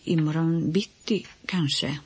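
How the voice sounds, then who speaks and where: A woman's voice: sits low, darkish tone, husky. A woman voicing a stubborn, nervous young boy who talks back sulkily. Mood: sulky defiant. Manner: sulky, defiant.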